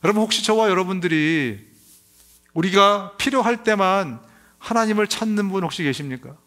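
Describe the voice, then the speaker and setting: A man's voice: high-pitched, expressive, moderate pace, a bit bright. A middle-aged male pastor preaching emphatically, who raises his voice when he acts out crying babies. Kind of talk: sermon.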